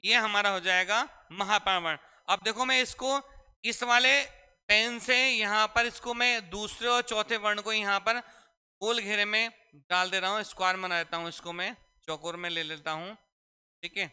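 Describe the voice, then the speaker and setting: A man's voice: sits high, steady tone, moderate pace, sharp tone, clean tone. A man teaching a classroom grammar lesson, repeatedly asking questions and answering them himself. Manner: repetitive call-and-response questioning. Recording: echoey hall reverb.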